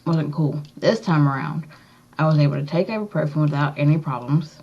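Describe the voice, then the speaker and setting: A woman chatting casually in a rambling, halting, matter-of-fact way, talking with a slightly swollen tongue. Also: low-pitched, warm tone, breathy edge. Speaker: vlogger. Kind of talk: casual chat to camera, piercing update. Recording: dull, lo-fi recording.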